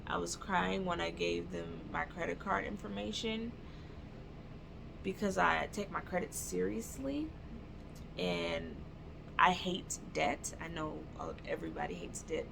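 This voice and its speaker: A woman's voice: lowish voice, very animated, measured pace, creaky, noisy background. A woman in her twenties telling an indignant storytime in a vlog, with music underneath. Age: 20s. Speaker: vlogger.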